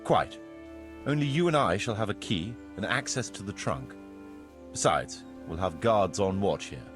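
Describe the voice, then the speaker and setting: With music playing in the background, a man performs a medieval village steward for a video game, courteous and businesslike as he lays out duties formally and at a measured pace. His slightly husky voice is on the low side, with lively intonation.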